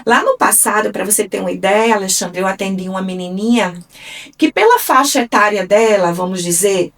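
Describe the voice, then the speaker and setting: A woman from Brazil with a Brazilian Portuguese accent, a speech therapist explaining things in a measured way on a radio interview, often adding tag questions. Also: mid-range voice, a bit bright, recorded from a distance. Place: radio studio.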